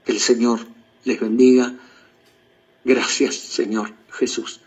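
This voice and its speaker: A man with an Argentine accent preaching a sermon, reading quotations with emotion and swinging from loud to hushed. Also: mid-range voice, level tone, slow, breathy edge. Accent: Argentine Spanish. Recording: muffled dull recording.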